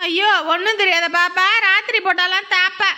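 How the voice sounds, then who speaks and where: An actress playing a quarrelsome, easily offended elder sister in a family drama, loud and accusing. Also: female voice, very high voice, steady tone, fairly quick, full character voice. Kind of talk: TV serial acting.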